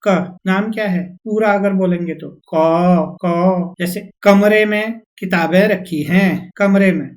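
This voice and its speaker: A man giving an explanatory video lesson as a teacher. He asks rhetorical questions, answers them himself, and slowly repeats key sounds for emphasis. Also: high-pitched. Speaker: English teacher.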